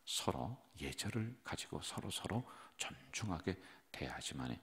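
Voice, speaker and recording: A man's voice: low voice, sing-song, unhurried, a bit bright. A man preaching an early morning prayer sermon as pastor, talking casually and asking the congregation questions. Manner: conversational, asks the congregation questions; acts out parents' scolding lines. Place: church.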